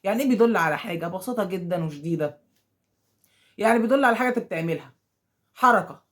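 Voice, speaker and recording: Expressive and very fast, this man's high-pitched, slightly bright voice has an Egyptian Arabic accent as he teaches school pupils grammar. He poses questions only to answer them himself, and he acts out his pupils' objections.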